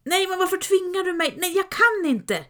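A woman's voice: mid-range voice, lively intonation, gravelly. A woman reading a storybook, voicing the fearful, tired sidekick Sancho Panza with a whiny, pleading voice. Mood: protesting.

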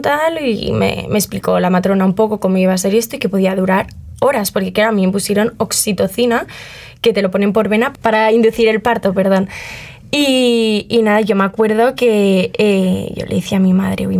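A woman's voice: medium pitch, darkish tone. A young woman, chatting casually as an interview guest and acting out the things people said to her, with lots of fillers. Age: 20s. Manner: chatty, uses many fillers, acts out quoted remarks.

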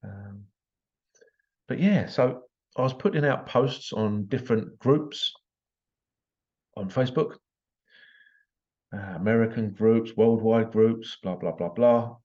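A man's voice: on the low side, slow pace, pauses often, darkish tone. A British man hosting a solo podcast, telling a story in a blunt, exasperated way. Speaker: podcast host. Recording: slightly dull lo-fi recording.

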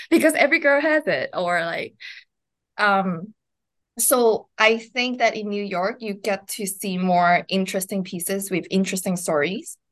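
Measured in pace and a bit bright, a medium-pitched woman's voice belongs to a Hong Kong podcast guest. She talks casually in an interview, her informal phrasing peppered with "like".

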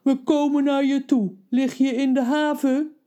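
Storybook giant pirate, big and kind, calm and concerned, mellow and slightly raised in tone; a woman reads him. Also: high voice, measured pace, pitched above the performer's own voice. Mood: calm, kindly.

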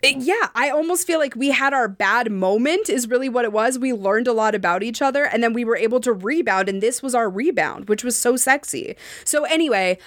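A young adult woman co-hosting a podcast, telling a candid personal story in an animated way, full of "like" fillers and swearing. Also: on the high side, brisk, hardly any pauses, no echo, studio quality. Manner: frank and animated, with frequent "like" fillers and profanity. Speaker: podcast co-host.

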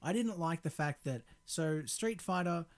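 A man with a slightly high voice co-hosts a casual podcast. He talks in slangy, joking banter, often sarcastic, like someone reviewing a game with friends. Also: animated, measured pace. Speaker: podcast co-host.

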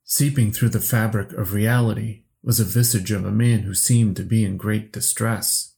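A man narrating a horror story slowly and steadily for a podcast. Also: lowish voice, gravelly, darkish tone, slight background noise. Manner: slow, measured storytelling.

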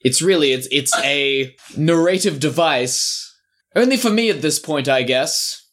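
Man playing a deadpan soul inside an orb. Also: a little high, unhurried. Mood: wry. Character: deadpan undead soul trapped in a giant mouthless orb. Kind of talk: tabletop role-play acting.

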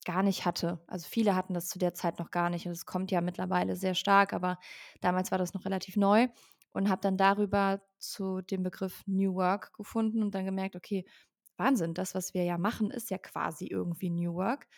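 A woman's voice: mid-range voice, little pitch movement, a little fast, vocal fry. A woman in her twenties, a company founder, speaking as a podcast guest and explaining fluently with frequent ähm fillers. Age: 20s. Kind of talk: podcast interview.

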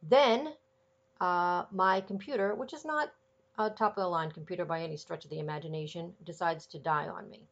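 A Boston, Massachusetts podcast host, congested from a cold, delivers a chatty, casual monologue in a low, gravelly voice, dropping frequent ums and uhs. The recording sounds muffled.

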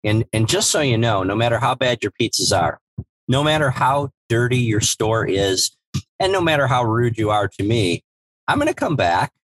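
A man co-hosting a business podcast, telling a story and acting out the dialogue with lively energy. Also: medium pitch, moderate pace, slight background noise, poor audio. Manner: animated storyteller who acts out dialogue. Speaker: podcast co-host, former evaluator. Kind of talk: casual storytelling chat.

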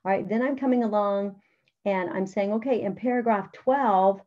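A middle-aged woman teacher, mid-range in pitch with a darkish tone and moderate pace, gives other teachers an instructional walkthrough of a writing lesson from her curriculum. She stays practical and chatty, often saying "all right" and "okay," and the sound is a bit dull and lo-fi.

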